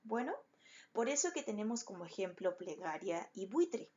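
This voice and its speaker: Woman, teacher, patient, step-by-step, lively rising and falling pitch, slightly muffled recording. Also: normal speed. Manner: patient, explains step by step to children. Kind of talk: recorded online class.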